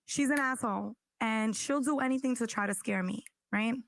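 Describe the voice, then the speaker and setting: A woman, co-hosting a podcast and telling a loud, profane story, acting out the people in it. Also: fairly high pitch, moderate pace, creaky. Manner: profane, lively storyteller, acts out quoted voices. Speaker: podcast co-host.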